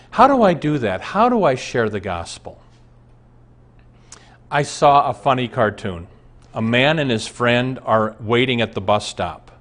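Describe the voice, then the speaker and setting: A man's voice: medium pitch, fairly bright tone. Earnest preaching man. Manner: earnest preaching, rising to emphatic peaks. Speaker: pastor. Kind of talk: televised sermon.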